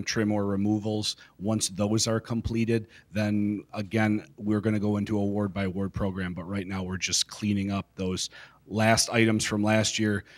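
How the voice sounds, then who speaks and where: A middle-aged man giving a measured, formal report to a city council into a handheld mic in a council chamber. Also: lowish voice. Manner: measured, steady bureaucratic delivery. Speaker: city public works staff reporting to council. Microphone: handheld microphone.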